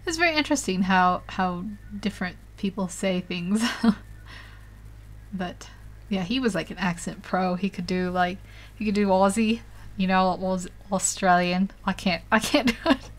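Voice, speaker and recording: A woman's voice: mid-range voice, measured pace. Chatty, giggly woman narrating her painting. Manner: chatty, laughs often, rambling with fillers. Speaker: digital painting livestreamer. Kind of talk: casual live painting commentary.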